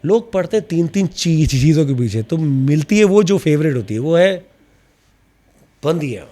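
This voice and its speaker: Animated man telling stories. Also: on the high side, moderate pace. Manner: animated anecdotes, mixing in English, slight stammer. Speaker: actor, podcast guest. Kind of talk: casual storytelling interview.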